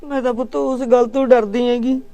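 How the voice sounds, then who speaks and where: A woman's voice: fairly high pitch, fairly even intonation, a little fast, mellow, no echo, muffled recording, close to an everyday voice. A woman playing a worried, tearful village mother. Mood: fearful. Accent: Punjabi. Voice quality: plaintive, fearful. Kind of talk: village drama acting.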